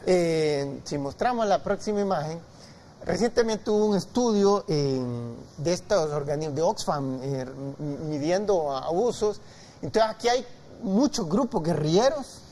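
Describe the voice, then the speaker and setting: A man's voice: on the high side, animated, unhurried, dark tone, slight background noise. Hesitant man talking on a studio show. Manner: hesitant, many fillers and restarts. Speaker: guest analyst. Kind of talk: casual TV talk show discussion.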